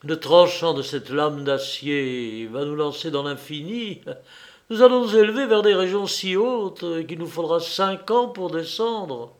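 A man's voice: on the high side, animated, measured pace. A man voicing an impassioned, grandiose suitor who threatens his rival, declaiming his lines with fervor.

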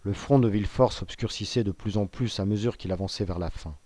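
Man reading a classic novel, measured. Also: fairly low pitch, mellow, dry recording. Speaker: audiobook reader. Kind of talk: scripted literary narration.

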